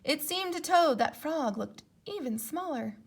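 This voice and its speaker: A woman reading a children's storybook aloud as an expressive narrator. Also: high voice, a little slow. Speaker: storybook reader.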